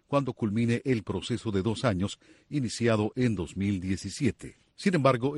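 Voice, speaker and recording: Male correspondent, husky voice, dry close studio sound, steady formal read. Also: medium pitch, no echo. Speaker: radio correspondent. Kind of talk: scripted news report.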